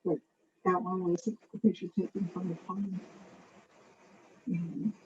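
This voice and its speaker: A woman painter talking informally about her own art as a panel guest, in a halting, meandering way. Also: on the low side, steady tone, warm tone. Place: online video call. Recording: noisy, muffled video call audio.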